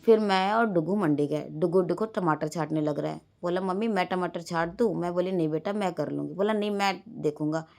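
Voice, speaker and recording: A mother narrates her busy day in a loose, rambling voice-over for a home vlog, often slipping into her children's words. Her voice sits on the low side for a woman. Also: brisk, vocal fry, few pauses, darkish tone. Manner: rambling everyday storytelling, quoting her children. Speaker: vlogger and mother.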